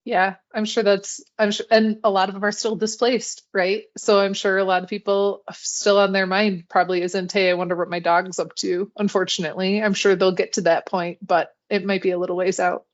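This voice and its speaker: A woman's voice: mid-range voice, level tone, a little fast, few pauses, lo-fi sound. A woman hosting a podcast interview, asking questions in a conversational, empathetic way. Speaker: podcast host. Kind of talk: casual interview chat.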